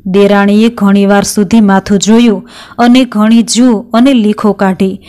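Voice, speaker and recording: A middle-aged woman narrating a devotional folk tale in a steady, plain storytelling manner. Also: mid-range voice, unhurried. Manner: steady, plain storytelling with quoted dialogue read in the same voice.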